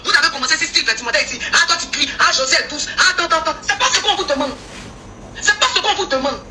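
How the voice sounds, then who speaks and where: A woman scolding fans in a live video, fast and pointed. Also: high-pitched. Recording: far-off echoey live-video audio with faint noise.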